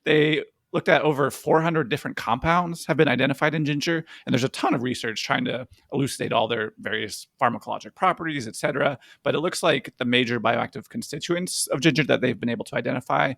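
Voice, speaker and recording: A man's voice: mid-range voice, fast talker, vocal fry, few pauses, a bit bright, no room sound, clean studio sound. A young man co-hosting a casual podcast, explaining medical science in plain words and laughing easily. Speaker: podcast co-host, physician.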